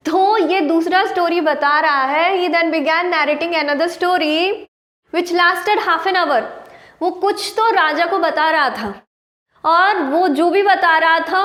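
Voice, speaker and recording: A woman's voice: extremely high pitch, fairly bright tone. Woman teacher, patient lesson tone, long reverb on the room. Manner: patient, explains word meanings. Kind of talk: lesson explaining an English story in Hindi.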